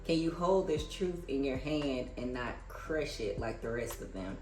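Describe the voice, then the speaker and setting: An American book reviewer reads aloud a little slowly, with an expressive, medium-pitched voice over music in a reverberant space. Informal, chatty remarks come between the read passages.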